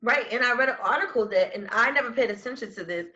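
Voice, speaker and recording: A woman's voice: on the high side, quick pace, pushed and bright, muffled recording. A woman hosting a casual podcast chat, talking in a loose, slangy way with joking asides. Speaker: podcast host.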